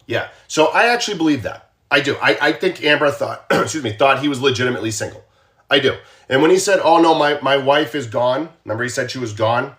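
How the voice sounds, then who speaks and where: A former law enforcement officer with a Boston accent hosts a true crime livestream, speaking fast in a mid-range, somewhat bright voice with lively intonation. He stays conversational, repeating himself and putting questions to viewers often.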